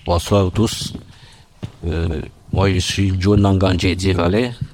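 A man's voice: low voice, steady tone, slow pace, a little mellow, a little hiss or hum. A man from Cameroon, giving a formal, earnest personal testimony at a workshop.

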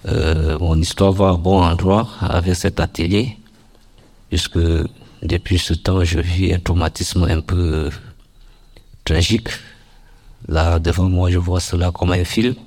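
A man's voice: sits low, fairly even intonation, a little slow, a little mellow. A man from Cameroon, giving a formal, earnest personal testimony at a workshop.

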